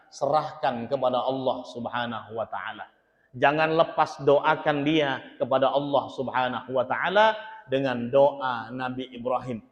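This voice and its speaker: Male preacher, high-pitched and animated; long mosque reverb. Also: dull audio. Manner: lively, humorous, acts out scenes. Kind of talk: mosque sermon. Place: mosque hall.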